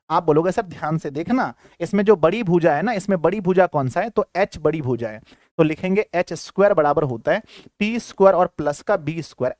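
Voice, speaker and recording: A man with a fairly high voice teaches a maths class, keeping up a playful drive as he fires quick questions at his pupils and acts out their answers himself. The sound is dry and close, with no room around it. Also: a little mellow, dry recording. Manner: playful, acts out students' replies in a sing-song voice. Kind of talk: energetic classroom lesson.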